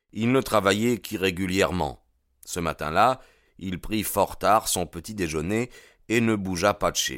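A male audiobook narrator with a very low voice. He tells the story in a measured, grave manner, recorded close and dry with no room sound. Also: dry recording. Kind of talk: scripted narration.

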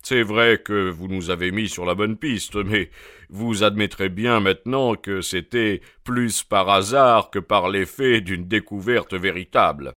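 A man voicing a stout, pompous police inspector with a husky, hoarse, breathless voice and a blustering, hemming manner. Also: on the low side, a little slow, bright, forceful tone, no room sound, studio quality.

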